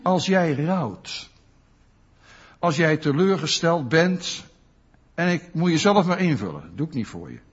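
A man preaching a sermon, animated and often putting questions to his listeners. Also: on the high side, unhurried, pauses often, slightly rough. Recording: dull lo-fi sound.

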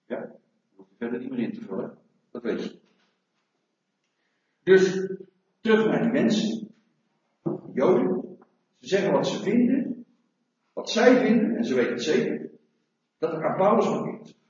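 A middle-aged man preaching a sermon, lively and asking rhetorical questions of his congregation, recorded from afar in a church hall. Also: fairly high pitch, measured pace, long pauses. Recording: echoey hall, mic far off, dull sound.

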